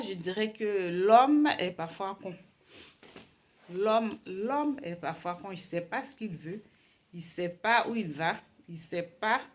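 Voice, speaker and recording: A woman's voice: medium pitch, fairly bright tone. A young woman telling a story time to her viewers in a casual, wry, amused way, with many fillers and restarts. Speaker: vlogger.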